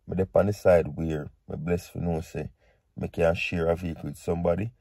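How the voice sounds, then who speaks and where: A man with a Jamaican accent hosts a vlog, chatting casually with viewers and explaining things conversationally while often checking they follow, repeating points and asking "right?" and "you see". His deep, dark, husky voice is brisk with vocal fry and fairly even intonation, recorded with no room sound.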